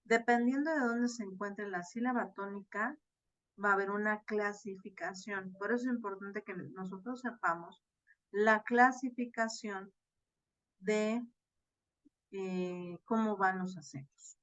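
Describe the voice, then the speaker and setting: A woman's voice: medium pitch, a little slow, a bit bright, dry recording. A woman teaching an online class, explaining step by step with frequent fillers and tag questions, recorded on a video call. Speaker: online course tutor. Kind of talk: virtual class lecture. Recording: slightly dull, dry video-call audio.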